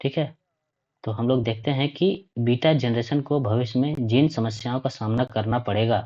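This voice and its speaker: A man's voice: mid-range voice, moderate pace, warm tone. A man teaching a lesson, reading points aloud and explaining them, often checking in with "okay". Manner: reads points aloud then explains, repeats 'ठीक है' often. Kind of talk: classroom lecture. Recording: dull lo-fi recording.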